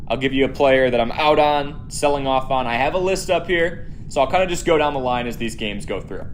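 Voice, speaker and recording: This man streams himself gaming in a casual way, bantering with viewers and answering their comments. His mid-range voice echoes in the room, sound runs through the device since he wears no headphones, and a little hiss or hum lingers.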